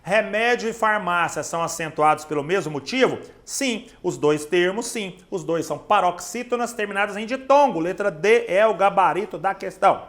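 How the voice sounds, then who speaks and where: A man's voice: high voice, animated, normal speed, few pauses, a bit bright. A man with a Brazilian Portuguese accent giving an online grammar lesson, emphatic and speaking straight to the student. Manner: emphatic, addresses the student directly. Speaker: Portuguese teacher.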